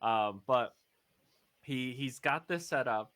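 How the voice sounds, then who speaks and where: A man's voice: mid-range voice, takes it slowly, fairly bright tone. A man playing a tabletop role-play game, casually narrating his character's morning with rambling restarts. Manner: rambling, with many restarts and laughs.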